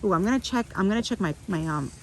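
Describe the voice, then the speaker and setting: A middle-aged orchid grower gives an animated walk-and-talk vlog in her outdoor garden on a windy morning, speaking fast at medium pitch. She chats to viewers with restarts and asides, and the rough recording has slight background noise.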